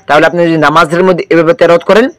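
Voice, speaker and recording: A man's voice: fairly high pitch, steady tone, very fast, a bit bright, no room sound. A man teaching Quran reading, patiently drilling letter sounds and quizzing the viewer.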